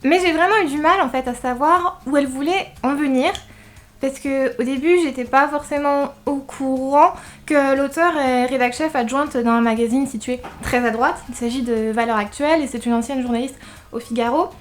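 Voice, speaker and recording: A woman's voice: high-pitched, normal speed. A woman talks casually as she reviews books for a vlog. Her s sounds carry a slight, slushy lisp. Music plays faintly behind her. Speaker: book reviewer presenting recent reads. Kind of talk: casual scripted-outline vlog talk.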